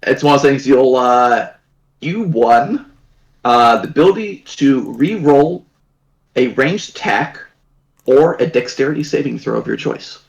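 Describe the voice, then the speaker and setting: A man's voice: mid-range voice, animated, creaky, muffled recording. A man narrating as dungeon master, rambling and restarting his sentences. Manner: rambling, halting, many restarts. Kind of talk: narrating a tabletop game.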